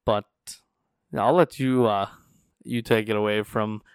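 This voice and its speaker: A North Dakota podcast host speaks at a measured pace in a fairly low, clean-toned voice. Chatting casually, he tells stories and animatedly performs the people he quotes. His small studio and studio podcast mic deliver clean studio sound free of echo.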